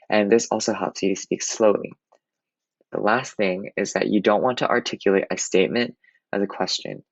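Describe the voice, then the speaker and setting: Young guy teaching public speaking, gravelly voice, kinda muffled dry mic. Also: fairly low pitch, no echo. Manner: earnest, advice-giving, with occasional restarts and fillers. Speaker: Model UN public speaking instructor. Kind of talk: instructional talk.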